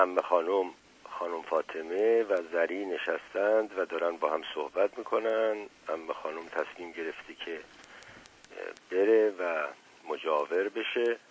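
A man reading a novel aloud in a steady, measured way, as the regular reader of a radio program. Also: deep voice, a little hiss or hum, poor audio.

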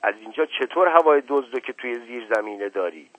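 A man's voice: medium pitch, animated, no echo, natural voice. A man doing a pompous, irritable old uncle. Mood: angry. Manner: angry, forceful, impatient. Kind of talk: audiobook reading. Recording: tinny lo-fi radio broadcast, dry.

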